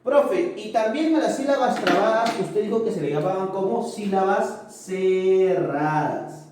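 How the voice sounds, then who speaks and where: A man's voice: high-pitched, unhurried, background noise. A man voicing an eager young student who asks the teacher questions in a raised voice. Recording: very echoey room, mic far off.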